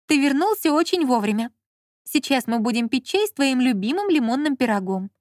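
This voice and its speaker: A woman's voice: high-pitched, expressive, fairly quick, no room sound, studio quality, pitched above the performer's own voice. Woman voicing a bossy mocking young woman. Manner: mocking, emphatic. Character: bossy sharp-tongued young woman, fussing.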